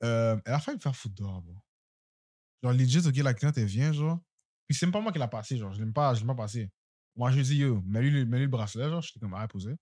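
Loud, slangy young man telling a story. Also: medium pitch, fast talker, no room sound. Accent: Quebec French. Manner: animated storyteller, slangy, mixes English in; loud-spoken. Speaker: podcast co-host. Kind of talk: casual chat.

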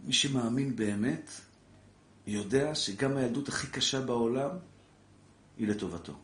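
A man, a rabbi, giving an impassioned Torah class to a live audience, calling listeners brother and building to loud exhortation. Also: mid-range voice. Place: lecture room with a live audience. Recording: echoey room with faint background noise.

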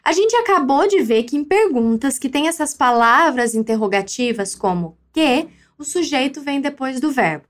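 Lively, high-voiced woman teaching Spanish. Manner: lively, encouraging, models phrases slowly for repetition. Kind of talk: language lesson with drills.

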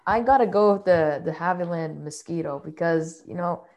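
Lady chatting, kinda low voice, trips over her words a lot. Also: normal speed, a little mellow. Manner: hesitant, repeats words when starting. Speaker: discussion participant. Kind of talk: casual discussion.

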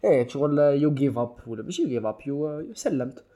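A man co-hosting a casual discussion podcast, thinking aloud with drawn-out "aah" fillers and switching into English and French. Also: medium pitch, lively intonation, mellow. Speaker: podcast co-host.

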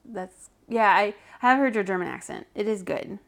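A woman co-hosting a podcast chats thoughtfully about character voices in tabletop role-playing games, laughing easily. Her mid-range voice moves at normal speed with some vocal fry.

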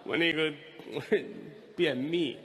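A man's voice: on the high side, extremely slow, fairly bright tone. A man performing crosstalk comedy as the lead, telling a story and acting out its characters.

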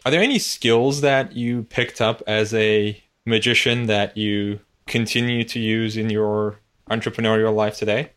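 A man's voice: fairly low pitch, steady tone, a little slow, few pauses, fairly bright tone, clear, resonant tone. A man from Turkey hosting an interview, asking thoughtful questions in a conversational way with frequent restarts. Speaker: podcast host, interviewer.

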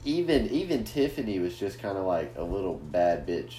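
A man's voice: low-pitched, very animated, normal speed, a crowd in the background. A man hosting a casual podcast, rambling crudely and swearing a lot. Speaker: podcast host. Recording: echoey room with faint noise.

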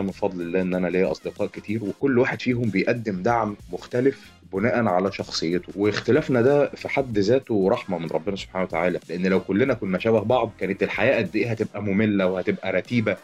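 A young Egyptian man with an Egyptian accent hosting a podcast, telling jokes in an animated, storytelling way. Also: on the low side, rapid-fire, few pauses, faint music behind. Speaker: podcast host. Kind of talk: comic podcast monologue.

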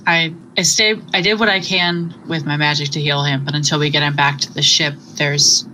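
An earnest magical medic, played by a woman, reports on a patient. Her voice is low and bright. She stumbles over a word or two. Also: steady tone, moderate pace, slight background noise, poor audio.

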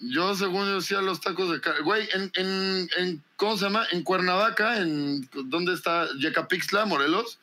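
A man with a Mexican Spanish accent trades podcast banter, pausing often as he searches for words. His voice sits a little high and has a bright, sharp edge. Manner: hesitant, trails off searching for words. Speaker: podcast co-host. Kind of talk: casual chat.

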